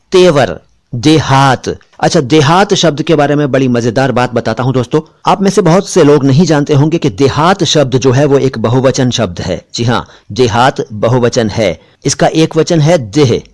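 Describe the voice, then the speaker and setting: A man leads a pronunciation lesson at an unhurried pace, sounding each word out carefully and saying it again to contrast the sounds. His pitch sits in an ordinary middle range for a man. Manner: slow, deliberate, repeats words to contrast sounds. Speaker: Hindi pronunciation teacher.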